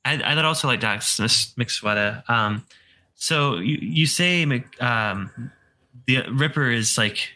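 A man's voice: mid-range voice, slow, pushed and bright. A man chatting casually as a player in a tabletop game. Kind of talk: casual chat.

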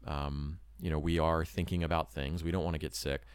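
An earnest man with a deep voice who talks in loose, rambling sentences full of hedges. He speaks casually beside his wife about moving abroad as a missionary. The recording is dry and close. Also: level tone, brisk, clear, resonant tone, dry recording. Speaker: missionary preparing to move abroad. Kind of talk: casual talk to camera.

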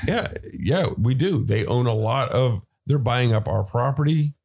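A man's voice: mid-range voice, animated, a little slow, creaky, darkish tone. A man hosting a podcast, giving casual political commentary in a conversational way with fillers and asides. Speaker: podcast host.

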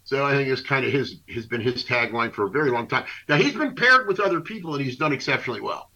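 A man co-hosting a radio show, ranting casually about sports in an animated, indignant, rambling way. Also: mid-range voice, fast. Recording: dull lo-fi internet radio.

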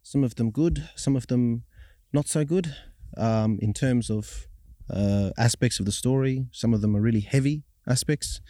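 A man in his thirties with an Australian accent, giving measured, reflective answers in an interview as a journalist. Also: mid-range voice, mellow, no echo, studio quality. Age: 30s. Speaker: journalist and broadcaster.

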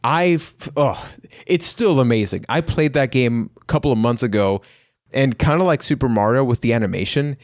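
A man's voice: mid-range voice, moderate pace, no echo, studio quality. A man from Puerto Rico hosting a casual podcast, upbeat and playful, joking with his co-hosts. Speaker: podcast host.

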